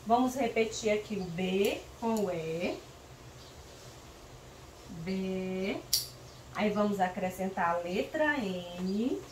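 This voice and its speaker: A woman teacher from northeastern Brazil leading a slow, patient reading lesson for young children, sounding out syllables clearly and calling on pupils by name. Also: mid-range voice, animated. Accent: Brazilian Portuguese, northeastern. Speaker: primary school teacher. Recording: roomy, distant mic with faint noise.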